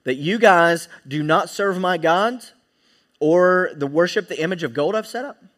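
A man's voice: high-pitched, animated, measured pace, fairly bright tone, voice pushed up. A man voicing an angry, proud ancient king who issues threats and demands. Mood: angry threatening.

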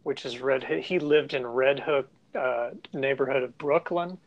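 A man co-hosts a relaxed talk show, his voice sitting at an ordinary middle pitch. He speaks in a halting, casual way, often restarting his sentences. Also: lo-fi sound. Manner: halting, many restarts and fillers. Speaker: podcast co-host. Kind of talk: casual discussion.

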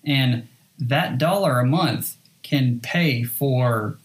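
A man's voice: mid-range voice, very slow, a little hiss or hum. A man hosting a casual podcast, rambling a little, tripping over his words and joking at his own expense. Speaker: podcast host.

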